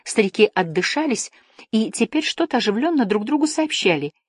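A woman narrating an adventure story in a steady storytelling voice. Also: on the high side, a little fast, husky, no echo, studio quality. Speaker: audiobook narrator. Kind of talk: scripted narration.

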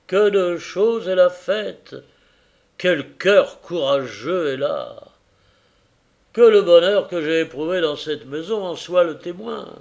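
A man reading aloud voices a heartbroken, humble carrier, speaking earnestly and slowly with a gravelly tone. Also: a little high, darkish tone. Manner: earnest, grieving, forgiving.

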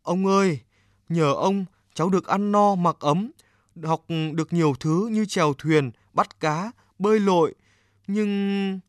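A man's voice: high voice, a little slow, no echo, studio quality, pitched above the performer's own voice. A man voicing a homesick young Eskimo boy with a raised, eager, pleading voice in a storybook reading.

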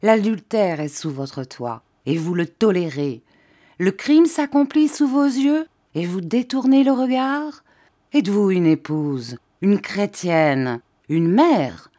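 A woman's voice: on the low side, unhurried, warm tone, close to an everyday voice. A woman voicing a stern, zealous male village priest who scolds and preaches with fire in an audiobook reading. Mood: furious.

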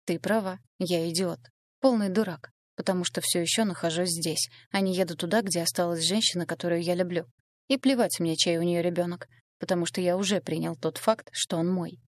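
A woman reading a calm, firm man. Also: fairly low pitch, a little fast, no room sound, studio quality, close to an everyday voice. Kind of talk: audiobook dialogue reading.

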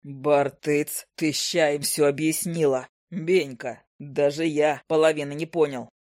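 A woman doing a gruff, slow-witted male brawler. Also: low voice, fairly even intonation, a little mellow, no room sound, clean studio sound, pitched below the performer's own voice. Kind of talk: audiobook character voice.

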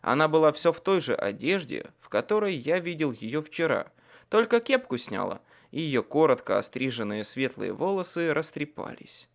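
A man reading a first-person audiobook in an expressive, dramatic way. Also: on the high side, normal speed, vocal fry. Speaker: audiobook narrator.

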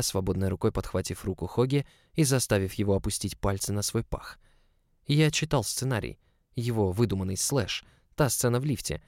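A man's voice: fairly low pitch, a little mellow, dry recording. A man narrating a story in the first person, in an intimate, close storytelling manner. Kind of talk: audiobook narration.

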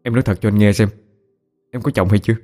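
A man's voice: on the low side, steady tone, fast, mellow, faint music behind, lightly acted. A man voicing a young man in his twenties who pleads and defends himself to his parents. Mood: earnest.

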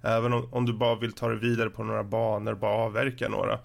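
A man on a gaming podcast who gives a measured review and hands the talk over to the next speaker. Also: lowish voice, level tone, gravelly. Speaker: podcast co-host. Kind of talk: casual gaming podcast chat.

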